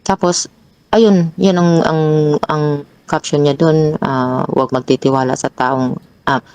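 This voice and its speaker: Low-voiced woman retelling a personal ordeal. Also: slow, dry recording. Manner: animated, pitch jumps high when retelling arguments; frequent restarts and repeated words. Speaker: guest sharing a personal story. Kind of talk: emotional personal storytelling.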